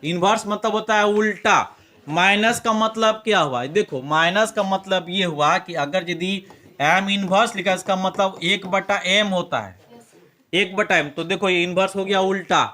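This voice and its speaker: Male physics teacher, Bihari Hindi accent, high and bright, coaxing a classroom to repeat terms. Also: unhurried. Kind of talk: classroom lecture with demonstration. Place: classroom with students.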